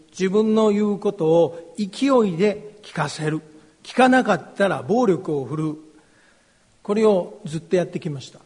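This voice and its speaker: Middle-aged male pastor, high husky voice, slow earnest testimony sermon. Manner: slow, earnest, confessional delivery. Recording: long hall reverb.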